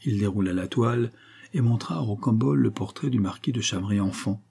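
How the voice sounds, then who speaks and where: A man narrating a classic novel as an audiobook reader, in a steady, even storytelling manner. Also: lowish voice, fairly quick, creaky, slightly rough.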